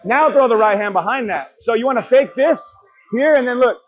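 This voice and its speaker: A man's voice: extremely high pitch, expressive, brisk, faint music behind. A man coaching a boxing class, blunt, profane and motivational, urging trainees on and quizzing them as he teaches drills. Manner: asks the group questions and answers them. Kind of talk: hands-on drill instruction to a class. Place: boxing gym during a group class.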